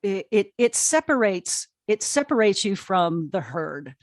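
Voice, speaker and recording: A middle-aged American woman, an audio drama producer and writer, tells stories casually and emphatically as an interview guest, often restarting her sentences. Her medium-pitched voice is very animated and a little slow. The recording is studio quality with no echo.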